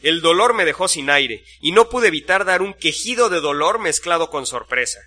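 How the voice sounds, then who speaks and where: A man narrating a first-person story in a steady, suspenseful storytelling manner. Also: fairly high pitch, normal speed.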